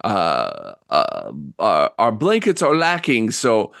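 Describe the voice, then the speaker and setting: A man voicing a frail, lonely old woman in a tabletop role-play, speaking in a halting, timid, polite way. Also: very high voice, expressive, a bit bright, dry recording, clean studio sound, voice pushed up, full character voice. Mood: sheepish.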